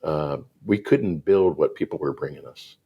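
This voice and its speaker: Very deep, gravelly man telling stories. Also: moderate pace, muffled recording. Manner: animated, voices the people in his stories. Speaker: guest entrepreneur. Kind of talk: casual storytelling.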